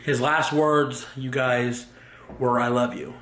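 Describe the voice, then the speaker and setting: A young man speaking on his vlog in a halting, emotional way, fighting back tears. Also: medium pitch, fairly even intonation, a bit bright, slight background noise. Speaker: vlogger. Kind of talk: grieving personal vlog. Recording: roomy echo with faint ambience.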